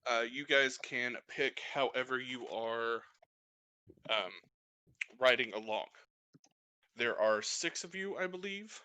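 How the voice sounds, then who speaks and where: Guy running a tabletop game, bit halting, bright voice, dry close sound. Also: medium pitch, smooth, no echo. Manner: relaxed, hesitant, many fillers. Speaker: game master.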